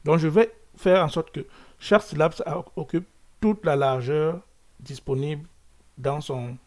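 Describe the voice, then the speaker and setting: A man's voice: a little high, fairly even intonation, unhurried. A man teaching a web coding lesson over his screen, thinking aloud with restarts and filler sounds, often checking in with "ok?". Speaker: coding tutorial host.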